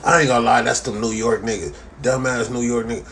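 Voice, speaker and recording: Reading comments from his chat, a live-stream host goes on a casual rant to viewers, swearing heavily and repeating a slang tag at the end of his lines. His mid-range voice is a bit bright, with fairly even intonation and a quick pace.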